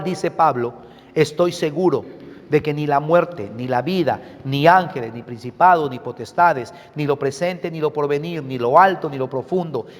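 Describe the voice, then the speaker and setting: Man preaching in a reverberant hall. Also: fairly high pitch. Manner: emphatic, checks in with the congregation with questions. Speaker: pastor. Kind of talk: sermon. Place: church. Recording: long reverb of a church hall.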